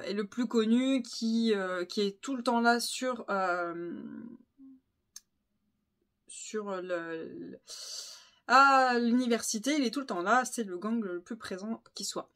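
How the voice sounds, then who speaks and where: A woman's voice: medium pitch, a bit bright. A woman vlogger chatting casually about books she has read, enthusiastic and full of fillers and repeats. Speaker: book vlogger. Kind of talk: casual book review chat.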